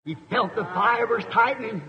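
A man preaching an impassioned sermon, building to fervent shouts and drawn-out pleas. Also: high voice, dull audio.

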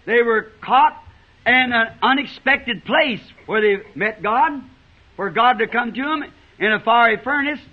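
A man delivers a revival sermon with fervour, crying out phrases and hammering them home through repetition. His voice sits very high and his pace is unhurried. The sound comes from a dull, lo-fi archival recording. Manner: impassioned, cries out phrases, repeats lines for emphasis. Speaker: preacher.

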